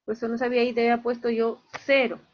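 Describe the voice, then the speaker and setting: A woman's voice: fairly high pitch, flat delivery, racing, muffled recording. A woman teaching an online class, going through her students' grades one by one and explaining each mark in a plain, matter-of-fact way.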